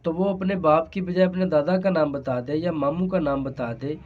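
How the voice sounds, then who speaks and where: This law lecturer, a man with a Pakistani accent, explains legal concepts hesitantly, often repeating his phrases. His voice sits on the high side with a steady tone and moderate pace, captured on a dull, lo-fi recording.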